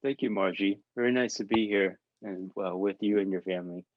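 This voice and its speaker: A man from Taiwan, answering interview questions in a halting way with many fillers and restarts. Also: lowish voice, dry recording. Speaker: guest artist. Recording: dull lo-fi dry sound.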